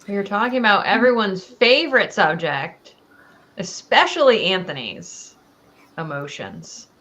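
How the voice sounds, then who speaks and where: A woman co-hosts a casual livestream and speaks slowly and playfully. Her pitch moves in an animated way, and she joins in over a video call. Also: highs cut off. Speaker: livestream co-host.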